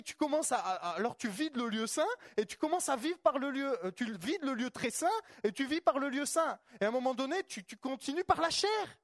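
A man delivers a fervent charismatic sermon in a notably high voice. He repeats his points and throws rhetorical questions at the congregation for them to answer. The sound is dry and close, with little room echo. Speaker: preacher.

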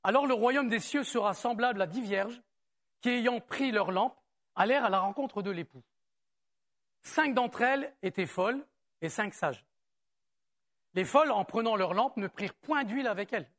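A man preaching a sermon to his congregation. He talks in a conversational way, asks rhetorical questions and reads scripture aloud more slowly. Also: high voice, a bit bright. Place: church service.

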